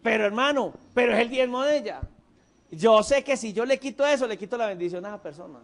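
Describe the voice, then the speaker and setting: A man with a Colombian Paisa accent preaching a sermon, an animated storyteller who swings between emphatic and hushed delivery. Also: very high voice, fast. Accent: Colombian Paisa, Antioquia. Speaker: pastor.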